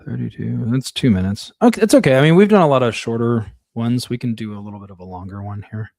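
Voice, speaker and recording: A man in his forties chats loosely through a live stream as he edits clips, thinking out loud with offhand jokes. His voice sits mid-range, and the sound is dry and close, with no room around it. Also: medium pitch, lively intonation, quick pace, gravelly, dry recording. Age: 40s. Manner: rambling, self-talking, joking asides. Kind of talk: casual live-stream chat while editing.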